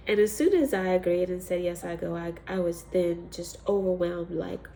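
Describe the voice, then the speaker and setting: The recording is rough with slight background noise, and her voice is on the low side, warm, at a moderate pace. She has a cold that leaves her congested, and she chats casually about her life as a missionary in a testimony vlog, rambling with ums and laughs.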